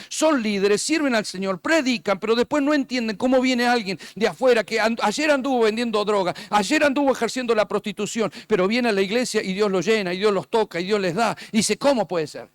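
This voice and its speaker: High-voiced preacher, dry mic. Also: male voice, no echo. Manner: storytelling preacher, acting out dialogue. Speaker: pastor. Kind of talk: sermon.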